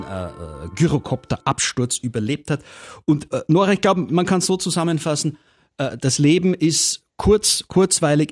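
A man hosting an interview podcast, asking halting conversational questions. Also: medium pitch, darkish tone, husky, dry recording, clean studio sound. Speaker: podcast host.

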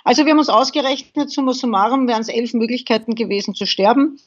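A woman's voice: a little high, quick pace, husky, lo-fi sound. A woman, a podcast guest vividly recounting a crash she survived. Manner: vivid, animated storytelling. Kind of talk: interview, telling a survival story.

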